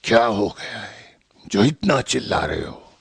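An actor playing a commanding male plotter in a dubbed historical drama, with a gravelly, husky voice. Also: on the low side, sing-song, measured pace, no room sound, heavily acted. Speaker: conspirator leader in a period drama.

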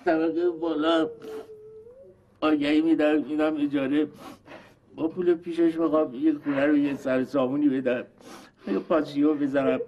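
A man's voice: on the high side, darkish tone, highs cut off, slight background noise, lightly acted. An actor playing a self-righteous eldest brother who scolds and insults his siblings over an inheritance. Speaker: eldest brother in a family quarrel. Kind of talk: TV drama acting.

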